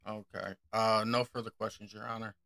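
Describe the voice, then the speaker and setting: Creaky, bright-voiced stammering lawyer man. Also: on the low side, little pitch movement, moderate pace, dry recording. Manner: stammering, apologetic, restarts sentences. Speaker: defense lawyer in training. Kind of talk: courtroom role-play in a game.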